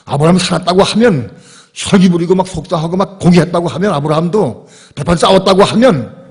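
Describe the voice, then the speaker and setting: A male pastor preaching a sermon at a church service, telling the story in a lively, conversational and emphatic way. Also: a little high. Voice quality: husky, gravelly.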